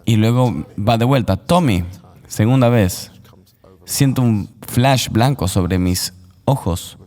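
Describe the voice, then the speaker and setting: A man recounting a personal testimony as an interview guest, in an earnest, measured voice-over. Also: fairly low pitch, a little mellow, big-room sound.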